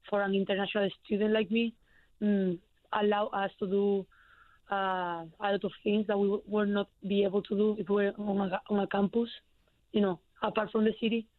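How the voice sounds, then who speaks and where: This is a young adult woman with a Spanish accent, originally from Spain, heard on a tinny phone line in a phone-in radio interview. Her voice is medium in pitch and the recording is dry. Speaking as a college basketball player, she hesitates and uses many fillers.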